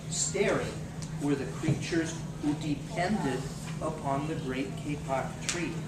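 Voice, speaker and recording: A man narrating a play like a storybook, reading phrase by phrase in a measured way, recorded from afar in an echoey, noisy room. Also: fairly high pitch. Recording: distant mic, echoey room, loud noise.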